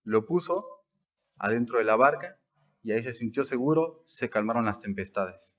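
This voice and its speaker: A man's voice: medium pitch, expressive, normal speed, fairly bright tone, lo-fi sound. A man preaching a sermon as pastor at a church service, stressing words by rising and dropping his voice.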